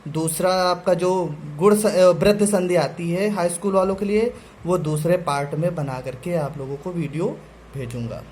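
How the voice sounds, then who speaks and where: A man's voice: high-pitched, normal speed, darkish tone, slight background noise. Patient male teacher explaining step by step. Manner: patient and step by step, checking in often with "okay". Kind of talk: explaining a grammar lesson to school students.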